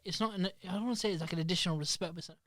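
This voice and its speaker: A man with a high, somewhat bright voice hosts a casual podcast in a small studio, speaking into a studio microphone with no room sound. He talks rapidly and chattily, rambling and often restarting his sentences.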